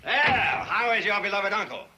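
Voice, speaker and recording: An actor playing a blustery bank president in an old sitcom, who shouts, then gushes in baby talk. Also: male voice, sits high, animated, a little fast. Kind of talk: 1960s sitcom acting. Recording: hissy old TV soundtrack.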